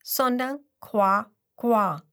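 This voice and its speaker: A woman's voice: fairly low pitch, big pitch swings, takes it slowly, slightly rough, exaggerated voice. A woman voicing a cheerful young male frog from France who chats proudly about his home. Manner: friendly, chatty, proud of home.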